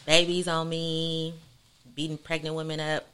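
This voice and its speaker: A woman's voice: low voice, monotone, unhurried, sharp tone, a little hiss or hum. A woman in her late thirties talking bluntly and laughing often in a casual chat. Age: 30s. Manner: brash, laughing, blunt storyteller. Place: Inglewood area.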